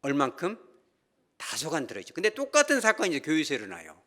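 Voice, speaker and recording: A man's voice: fairly high pitch, fast talker. A middle-aged man preaching a sermon as pastor, telling stories with acted-out voices and asking the congregation questions. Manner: animated storytelling, acts out quoted characters.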